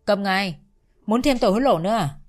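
A woman's voice: medium pitch, animated, a little fast, faint music behind, lightly acted. A woman voicing a harsh middle-aged male police officer with a gun, curt and threatening.

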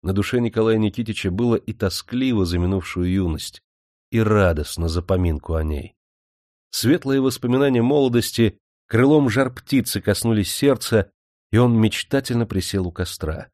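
A man reading a novel aloud in a measured, even storytelling manner. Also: on the low side, no echo, studio quality. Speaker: audiobook narrator. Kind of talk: scripted narration.

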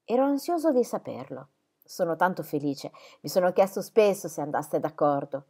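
An earnest, shy young man from an audiobook, gentle and polite, with an expressive lilt in his speech, read by a woman. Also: on the low side, moderate pace, breathy edge, full character voice. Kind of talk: audiobook character reading.

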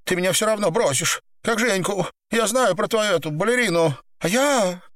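A man's voice: high-pitched, moderate pace, fairly bright tone, no echo, clean studio sound, pitched above the performer's own voice. A man voicing a desperate, tearful young woman who confesses in an audiobook. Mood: distraught. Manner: distraught, pleading.

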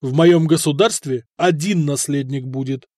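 Audiobook: male narrator as a cold, stubborn prince, firm and cutting, fairly high voice, dry close sound. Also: moderate pace, warm tone, no room sound, close to an everyday voice. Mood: loud, cutting. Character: stern, cold middle-aged prince, stubborn ruler.

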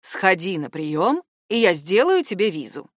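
A woman voicing a calm, persistent male AI assistant who speaks in a measured, soothing way. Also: lowish voice, no echo, studio quality. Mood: calm, insistent.

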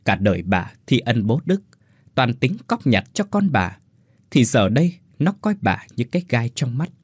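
A man's voice: mid-range voice, very animated, normal speed, breathy edge, no echo, studio quality. A man narrating a dramatic folk story in an emotive storytelling manner.

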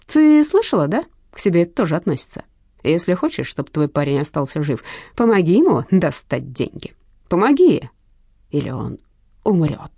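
In an audiobook, a hoarse, mocking male gangster threatens and sneers with a lively, swinging delivery, as a woman reader puts him on. The sound is warm and dry, close to the mic. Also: lowish voice, normal speed, dry recording. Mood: threatening. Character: menacing male gangster loan shark, mocking. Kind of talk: audiobook character voice.

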